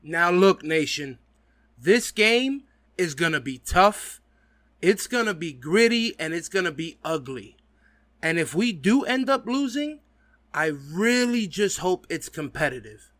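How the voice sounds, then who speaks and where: A man with a slight lisp gives casual, opinionated sports commentary. His voice sits high and sounds bright and forceful, recorded close and dry. He is blunt and emphatic, swearing freely as he addresses fellow fans. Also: very animated, a little slow, no room sound. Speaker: host of a football fan video podcast.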